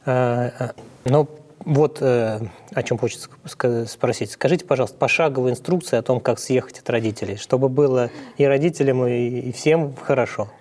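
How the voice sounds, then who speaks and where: A man's voice: medium pitch, brisk, darkish tone. Man, host, probing questions, panel discussion. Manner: probing, asks pointed questions.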